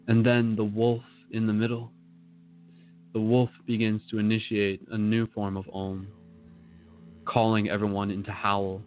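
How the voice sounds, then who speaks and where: A man leading a guided meditation in a slow, soothing manner, speaking to the listener in the second person. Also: on the low side, phone-quality sound.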